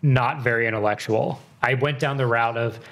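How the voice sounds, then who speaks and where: A man's voice: mid-range voice, normal speed, a bit bright. A man in his thirties chatting casually, rambling and correcting himself mid-sentence, with frequent swearing. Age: 30s. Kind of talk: casual chat.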